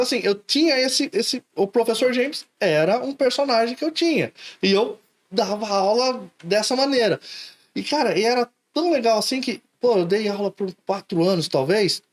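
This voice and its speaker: A man with a São Paulo Brazilian accent, a podcast guest telling lively stories and acting out his old catchphrases. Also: very high voice, normal speed. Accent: Brazilian Portuguese, São Paulo. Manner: animated storyteller, acts out his own catchphrases. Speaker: podcast guest, logistics professional. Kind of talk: casual podcast chat.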